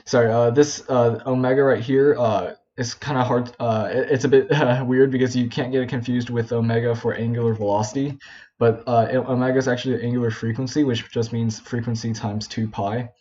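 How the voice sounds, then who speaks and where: A man's voice: medium pitch, little pitch movement, fairly quick, mellow. A young man talking through a physics problem in a casual, informal way, with lots of ums, "right?" and self-corrections as he works it out. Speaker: physics tutor. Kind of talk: casual whiteboard problem walkthrough. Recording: dull lo-fi home recording.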